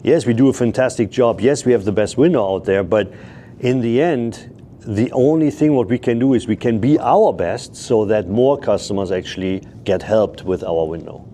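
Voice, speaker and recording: Man, sales trainer, blunt coaching, low voice, soft hiss behind. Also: normal speed. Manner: blunt, coaching, drops rhetorical "right?". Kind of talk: casual group discussion.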